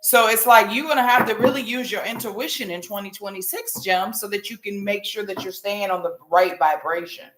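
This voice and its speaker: A woman's voice: mid-range voice, brisk, hardly any pauses. American woman, echoey psychic hotline tarot reading. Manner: informal, familiar, addressing viewers directly with slang. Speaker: tarot reader hosting a live stream. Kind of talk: psychic hotline style spiritual tarot reading, casual livestream chat. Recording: roomy echo with light background noise.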